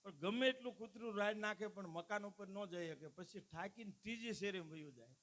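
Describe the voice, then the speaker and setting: A stand-up folk comedian performs live at a dayro, telling jokes and folk stories to an audience and calling the crowd "saheb." His voice sits high and fairly bright, and he talks a little fast.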